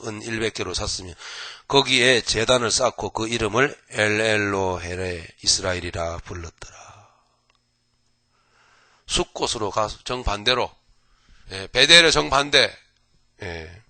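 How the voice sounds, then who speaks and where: A male pastor giving an early morning Bible lecture in a folksy, animated way, jumping between loud outbursts and whispers and often asking his listeners "right?". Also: fairly low pitch, measured pace, no echo.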